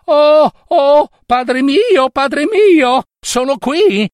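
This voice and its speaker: A man voicing a timid young female nymph in a storybook tale, in a high pleading falsetto. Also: moderate pace, fairly bright tone, no echo, studio quality. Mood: joyful.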